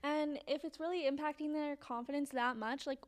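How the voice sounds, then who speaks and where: A young woman with a high voice chats casually as a podcast co-host. She talks like a Valley girl, in a loose, filler-heavy way. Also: steady tone, brisk. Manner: Valley-girl talk, peppered with "like" and "literally". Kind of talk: casual chat.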